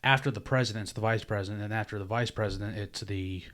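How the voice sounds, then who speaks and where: A man's voice: fairly low pitch, steady tone, fast talker, fairly bright tone. A man co-hosting a podcast, chatting casually through a movie commentary with jokes and lots of fillers. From United States. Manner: joking, rambling, lots of fillers. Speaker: podcast co-host. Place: indoor room.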